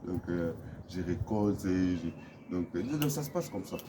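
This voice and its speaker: A low-pitched man speaks casually to camera from his home, stumbling and repeating words as he gropes for what to say. Steady traffic noise runs clearly behind him. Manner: halting, full of repeated words and fillers. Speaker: vlogger.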